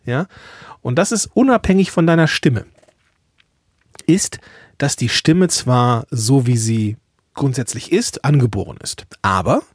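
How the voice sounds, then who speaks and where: A man's voice: a little high, slightly rough, dry recording, studio quality. A man hosting his own podcast as a coach, talking earnestly and directly to the listener in a casual, encouraging way. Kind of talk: solo podcast talk.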